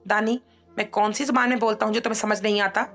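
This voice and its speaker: A woman's voice: medium pitch, brisk, fairly bright tone, faint music behind, close to an everyday voice. A woman voicing a cold young man who speaks in terse, stern phrases. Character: cold, curt young man, brushing others off.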